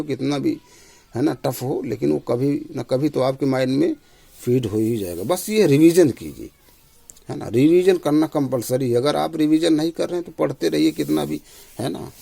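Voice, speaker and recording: A man coaching students through exam-style Hindi questions in a casual classroom manner. His voice sits a little high yet sounds mellow and dark, and he reads each question before sinking low and quiet for the answer. The recording is close and dry. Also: vocal fry, no room sound. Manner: repeats himself, tag "है ना". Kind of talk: casual exam-prep lesson.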